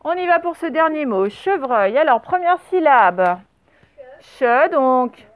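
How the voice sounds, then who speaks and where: A woman's voice: high-pitched, big pitch swings, slow pace, narrow, tinny audio. A woman teacher giving a spelling dictation lesson to children on camera, patiently spelling words out letter by letter. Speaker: primary school teacher.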